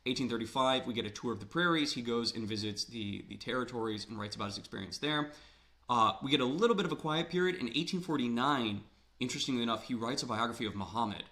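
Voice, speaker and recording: A man from Ohio, USA, speaks fast in a medium-pitched, pushed and bright voice while giving a conversational literature lecture. He asks rhetorical questions and repeats words for emphasis, and his slightly worn voice seems to be fading a bit.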